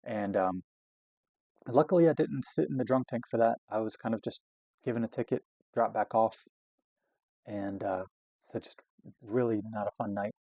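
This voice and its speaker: A man's voice: medium pitch, mellow, no room sound. A man from North Carolina casually telling a story about his past, rambling and self-deprecating with many fillers.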